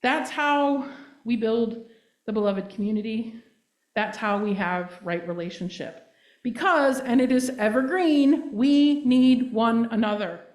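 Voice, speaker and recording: A woman's voice: fairly high pitch, lively intonation, unhurried. A woman giving a sermon as a guest minister, earnest and emphatic, checking in with the congregation as she speaks. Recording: roomy echo.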